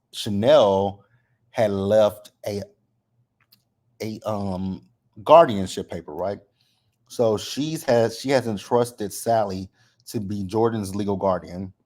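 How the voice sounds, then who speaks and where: This man, the host of a TV episode recap, has a lowish, slightly mellow voice. He talks casually and conversationally, with a slight lisp from his braces, and often ends his points with a questioning "right?"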